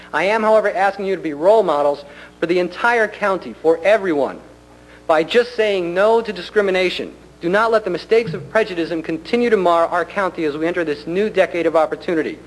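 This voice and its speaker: A man delivers a prepared public speech at a government meeting in an earnest, deliberate and polite way. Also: high-pitched. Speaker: community center director addressing a county commission. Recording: noisy hum, 1990 public meeting recording.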